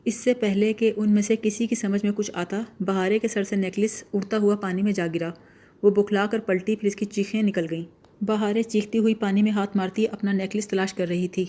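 A woman narrating a novel aloud in a steady, even storytelling manner. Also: mid-range voice. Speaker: audiobook narrator.

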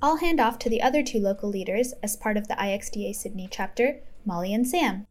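A woman's voice: mid-range voice, fairly quick, a little mellow, soft background music. A woman hosting a podcast in a conversational style. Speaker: podcast host and user experience designer.

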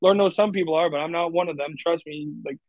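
Speaking quickly in a somewhat high voice, a man in his twenties guests on a casual podcast, rambling candidly with heavy use of "like." The lo-fi recording is dull and dry, free of echo.

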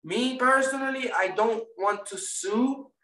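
A First Amendment auditor guest, originally from Puerto Rico and raised in Florida, chats a little slowly in a high, bright voice during a casual interview. He rambles, frequently repeating and restarting himself. The mic is distant and the room echoes strongly.

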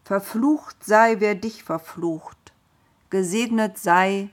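A solemn old patriarch, put on by a woman storyteller. He speaks slowly in an audio story, each word weighed like a blessing. The voice stays husky and restrained. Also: mid-range voice, steady tone, darkish tone, pitched above the performer's own voice, lightly acted. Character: old blind patriarch father, solemn then distraught.

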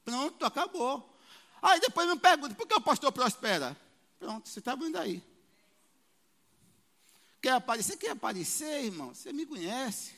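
A man preaching as a pastor, animated, with sudden loud peaks and quoted voices, in a church hall. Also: extremely high pitch. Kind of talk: sermon.

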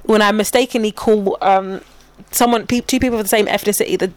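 A woman, co-hosting a casual chat, animated and acting out the voices of people she quotes. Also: medium pitch, quick pace, dry recording.

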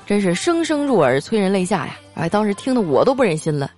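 A woman hosts a comic show, reading listener jokes at a quick pace in a mid-range, very animated voice that's a little mellow. She's playful, laughs a lot, and raises her voice for quoted lines, with light music in the background.

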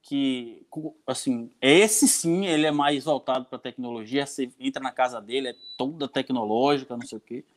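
A man's voice: medium pitch, moderate pace, few pauses. A man with a northeastern Brazilian Portuguese accent, chatting casually in an informal, slangy way. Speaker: podcaster guest. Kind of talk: casual chat.

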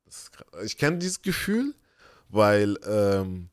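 Casting: young male podcast co-host, lowish voice, lively storyteller, dry close sound. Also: slow, clear, resonant tone, dry recording. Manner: animated storyteller, acts out quoted voices. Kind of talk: casual storytelling chat.

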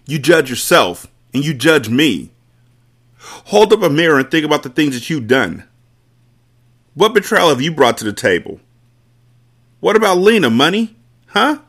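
A man voicing a furious adult male crime boss in an audiobook, shouting and commanding. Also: on the high side, full character voice.

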